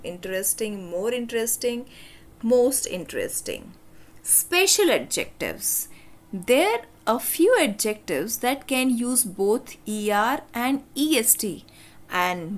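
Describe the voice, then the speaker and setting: A woman with an Indian English accent teaching a grammar lesson, explaining slowly and spelling out letters. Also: fairly high pitch.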